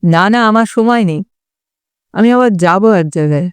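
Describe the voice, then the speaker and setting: A woman's voice: medium pitch, expressive, normal speed, clear, resonant tone, dry recording, natural voice. A woman voicing a slurring drunk young man. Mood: rambling drunk. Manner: slurred, rambling, belligerent. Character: drunk, boastful young man, quick to insult. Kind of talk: audiobook character voice.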